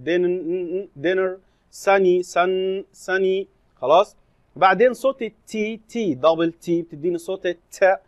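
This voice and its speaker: A man with an Egyptian Arabic accent, teaching a lesson and reading English slowly before explaining it in Arabic. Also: high-pitched, dry recording. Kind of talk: recorded classroom lesson explanation.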